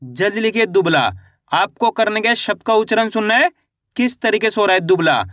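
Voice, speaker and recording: A man teaching beginners to read, building words syllable by syllable, asking questions and saying each finished word slowly. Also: animated, fairly bright tone, no room sound, clean studio sound. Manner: spells out syllables, then says each word slowly and lower; asks learners questions as he teaches. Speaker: Hindi reading teacher. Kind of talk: online lesson.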